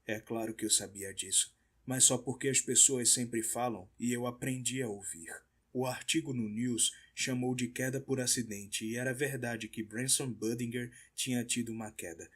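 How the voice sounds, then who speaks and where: A man narrating an audiobook in a measured, somber reading. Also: mid-range voice, fairly bright tone, breathy edge. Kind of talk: scripted narration.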